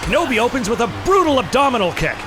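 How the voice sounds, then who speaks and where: Male boxing announcer type, very high-pitched, dramatic play-by-play sports call over music. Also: racing. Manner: excited, dramatic delivery. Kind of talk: sports commentary in the manner of a boxing ring announcer. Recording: music behind the voice.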